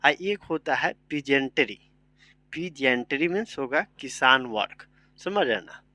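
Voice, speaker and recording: Male teacher, bright forceful voice, dry close sound, spells words letter by letter. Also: mid-range voice, expressive, measured pace, dry recording. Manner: spells words letter by letter, often asks "samajh rahe na". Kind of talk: vocabulary lesson, spelling out words.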